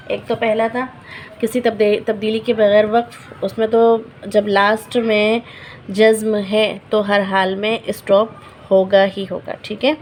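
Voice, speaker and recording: A woman teaching Quran recitation rules in a patient lesson. She repeats each example word slowly and checks in her learners often. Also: mid-range voice, little pitch movement, a little hiss or hum.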